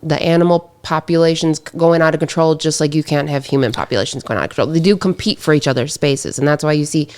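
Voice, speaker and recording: A woman's voice: low voice, fast talker, few pauses, a little mellow. A woman who hunts, a podcast guest, speaking earnestly and firmly about her views. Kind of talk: casual chat.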